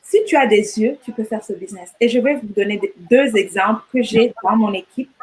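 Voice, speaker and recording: Mid-range and a little mellow, this woman's voice moves slightly fast over poor audio. She's a middle-aged Rwandan entrepreneur appearing as an interview guest, chatting animatedly and frequently restarting sentences with repeated words.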